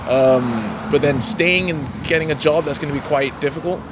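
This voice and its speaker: A young man raised in the Netherlands answering street-interview questions in a relaxed, hesitant way. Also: a little high, moderate pace. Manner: relaxed, hesitant with many ums and restarts. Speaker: interviewee, law graduate. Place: outdoors on a city street. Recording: outdoor street noise with traffic.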